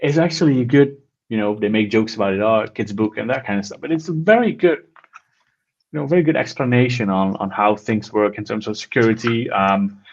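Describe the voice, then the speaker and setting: A man's voice: mid-range voice, a little fast. A man co-hosting a casual tech chat, talking enthusiastically and rambling with restarts. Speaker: podcast co-host. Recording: slightly dull lo-fi sound.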